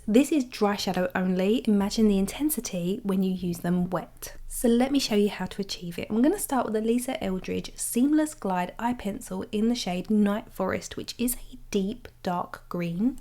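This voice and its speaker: Slightly croaky woman giving a makeup tutorial. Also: medium pitch, mellow. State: under the weather, croaky. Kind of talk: step-by-step makeup tutorial narration.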